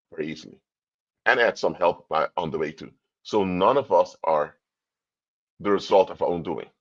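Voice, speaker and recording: A commentator from Curaçao whose first language is Papiamento gives livestream commentary in a low voice, lecturing and firing off rhetorical questions. The recording is muffled.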